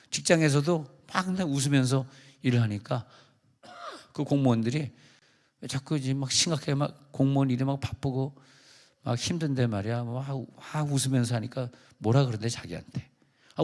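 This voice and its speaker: A man's voice: mid-range voice, a little mellow, big-room sound. A male pastor giving a conversational, joking sermon to his congregation. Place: large church sanctuary.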